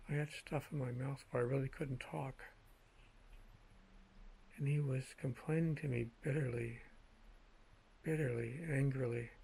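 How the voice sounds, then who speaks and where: Husky, gravelly man telling personal stories. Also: mid-range voice, darkish tone, low-quality recording. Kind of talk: slow casual monologue, anecdotes.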